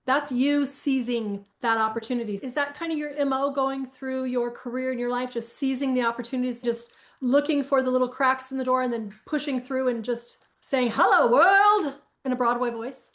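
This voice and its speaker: High-voiced woman podcast host. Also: fairly even intonation. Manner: warm, affirming, quick to summarize. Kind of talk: conversational interview.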